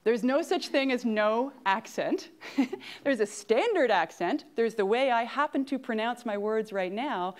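A woman in her forties with a Canadian accent is a guest speaker at grand rounds, giving an interactive lecture from an auditorium stage. Her voice is on the high side and animated, her pace measured, and she often checks in with the audience.

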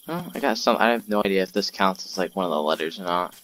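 A young man hosting a gaming channel, giving let's-play commentary in a jumpy, excitable way, yelping and trash-talking the monster. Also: low-pitched, fast, a little hiss or hum. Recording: loud game sounds with crickets behind.

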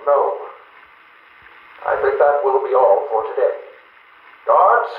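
A man's voice: medium pitch, lively intonation, slow pace. An actor playing a strained male asylum doctor, heard as a cassette tape recording, dictating in a formal, clipped clinical way. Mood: uneasy. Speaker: psychiatrist. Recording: tinny, echoey tape with faint hiss.

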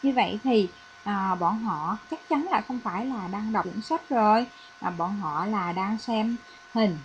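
A woman's voice: medium pitch, measured pace, dull audio, a little hiss or hum. Vietnamese woman teaching English. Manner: patient, explanatory, with frequent "à" fillers. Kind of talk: recorded classroom lesson.

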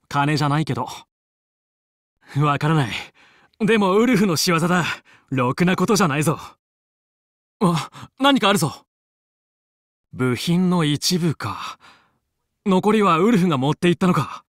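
Video game hero, determined young fox pilot: high male voice, commanding, earnest, dry recording. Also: a bit bright, dry recording. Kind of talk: Japanese video game voice acting, battle callouts.

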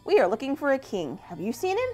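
A woman voicing an eager, excitable little boy mouse with a squeaky manner. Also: fast.

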